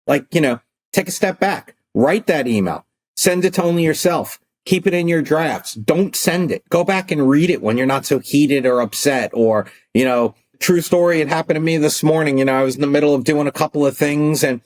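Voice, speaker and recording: A middle-aged man, an attorney turned coach, talking casually in a podcast interview and acting out calls and arguments as he tells stories. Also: mid-range voice. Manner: animated, acts out phone calls and arguments.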